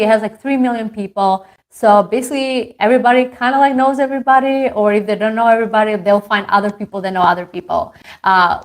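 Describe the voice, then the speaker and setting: A woman speaks as a business coach to an online group. Her delivery is chatty and heartfelt, full of casual fillers. She sounds like she is talking on a video call. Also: a little high. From Albania. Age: 30s. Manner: chatty and earnest, many fillers. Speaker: marketing coach and company founder. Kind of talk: motivational talk to an online group.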